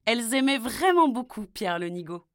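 A woman's voice: fairly high pitch, smooth, dry recording, studio quality. A woman reading a children's fairy tale aloud as a storyteller. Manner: slow, expressive storybook telling.

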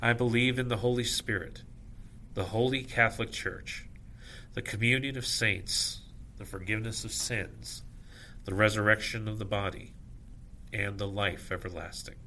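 A man officiating at evening prayer, reciting scripture and liturgy in measured, solemn short phrases. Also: lowish voice, fairly even intonation, pushed and bright, slight background noise.

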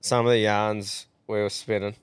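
Male podcast host, broad Aussie accent, slangy and easygoing, smooth clear voice recorded close and dry. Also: lowish voice, level tone, normal speed, no echo. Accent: broad Australian. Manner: laid-back, slangy, sweary mateship talk. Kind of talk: casual chat with updates.

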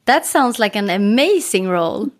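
A woman's voice: medium pitch, lively intonation, moderate pace. A woman hosting a podcast, reading scripted introductions and asking questions. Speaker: podcast host.

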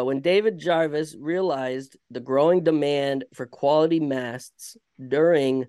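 A man's voice: medium pitch, a little mellow, clear, resonant tone, dry recording. A man with a Vermont accent reading aloud casually, stumbling and correcting himself as he goes. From Vermont, United States. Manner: halting, stumbling and self-correcting. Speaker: podcast host reading a story aloud.

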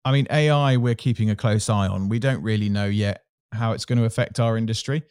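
A man with a Home Counties English accent and a lowish voice, recorded close and dry. He talks casually as an interview guest, frank and modest about himself. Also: brisk, darkish tone, clean tone, no echo. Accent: southern English, Home Counties. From Surrey, England. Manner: candid, self-deprecating. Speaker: interview guest, sports marketing executive.

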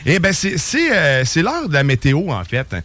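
Quebec male podcast host, lively swings in pitch, rambling banter. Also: moderate pace. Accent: Quebec French. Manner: rambling, animated, full of fillers. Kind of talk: casual studio banter.

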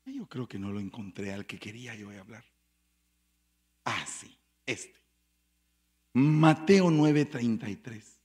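A man preaching a sermon as pastor, telling stories dramatically with sudden loud bursts and quiet asides. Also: medium pitch, animated, takes it slowly, pauses often.

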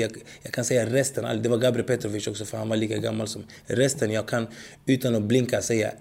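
A man, talking as a podcast guest. His voice has a gravelly, fry-laden edge at an ordinary pitch. He tells stories animatedly, often checking that the listener follows him. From Sweden. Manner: animated storytelling, frequent "förstår du vad jag menar". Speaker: guest, former footballer. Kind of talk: podcast interview.

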